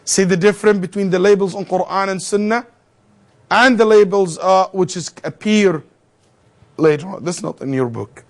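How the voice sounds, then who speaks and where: Lecturing a theology class with animated energy, a man fires rhetorical questions at his students and throws in joking asides. His voice sits high, and he speaks at a normal speed.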